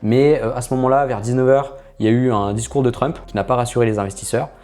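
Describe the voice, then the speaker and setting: Homme français hésitant, voix sombre. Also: male voice, mid-range voice, fairly even intonation, fast talker, a little mellow. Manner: hesitant, full of filler "euh"; chatty, addresses viewers directly. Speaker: trading channel host. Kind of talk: casual screen-share commentary.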